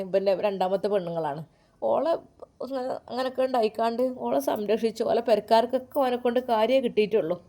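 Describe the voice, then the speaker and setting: A woman voicing an elderly, grieving mother who pleads through tears. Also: lightly acted. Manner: sobbing, softer and lower than the narration. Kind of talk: storytelling with acted dialogue.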